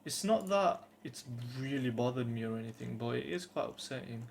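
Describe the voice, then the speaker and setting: He is a twenty-something British vlogger whose medium-pitched, creaky voice is expressive and fairly quick. Addressing the camera in a casual, earnest way, he hesitates and rambles, with faint noise in the background.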